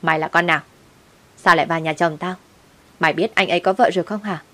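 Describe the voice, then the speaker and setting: A woman voicing a loud, aggressive young woman who picks fights. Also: fairly low pitch, fairly even intonation, fast. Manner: shouting, aggressive.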